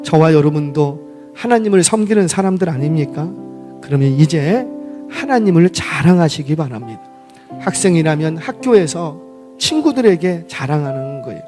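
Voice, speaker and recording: Male pastor, revival sermon, lively high voice, rhetorical questions and shouting. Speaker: senior pastor. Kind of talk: Friday night revival sermon. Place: church service.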